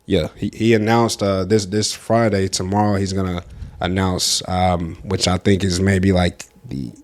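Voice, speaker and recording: A young man with a deep, low voice chats casually on a podcast. He tells stories loosely, full of slang and laughter. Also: flat delivery, unhurried, darkish tone. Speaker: podcast co-host.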